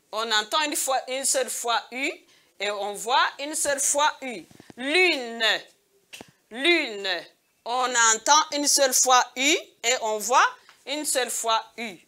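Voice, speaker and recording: A woman's voice: a little high, sharp tone. A woman teaching kindergarten pupils in a recorded video lesson, speaking patiently and saying each word twice. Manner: addresses pupils as "mes amis".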